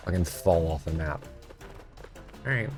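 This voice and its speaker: A man's voice: low voice, unhurried, darkish tone, soft background music. A man streaming a game, rambling and mocking himself in casual chat at a desk mic. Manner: self-mocking, rambling, jokey.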